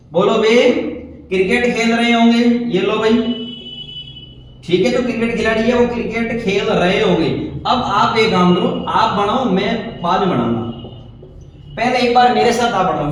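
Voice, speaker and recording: A man with a high voice teaches a class, encouraging his students and repeating drill phrases. His English comes out slow and careful. He sounds far from the mic in a very echoey room with a faint hiss behind him. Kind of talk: classroom teaching, mixing two languages.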